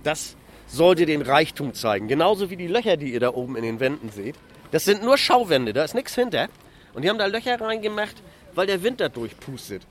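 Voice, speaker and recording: A man's voice: on the high side, fairly quick, a little hiss or hum. A middle-aged man working as a city tour guide, cheerfully explaining sights to a group of kids outdoors on a market square. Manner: cheerful, proud, lively explaining.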